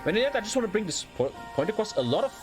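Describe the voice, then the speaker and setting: This live streamer, a German-accented man, has a high-pitched voice and talks rapid-fire and very animatedly while loud music plays behind him. His casual gameplay chat rambles and is blunt and full of swearing.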